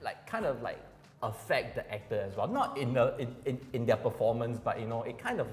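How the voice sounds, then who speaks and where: A man with a Singaporean accent hosting a casual, jokey chat in a playful, animated manner. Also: mid-range voice, fairly quick. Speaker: host. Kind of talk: casual, jokey interview chat with Singlish particles. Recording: echoey hall-like reverb, music behind.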